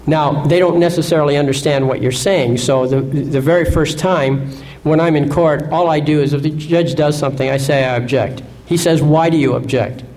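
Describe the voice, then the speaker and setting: A man's voice: a little high, steady tone, moderate pace, darkish tone, rough recording. A man lecturing an audience in an assertive way, often asking rhetorical questions and checking in with "Okay?". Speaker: seminar speaker.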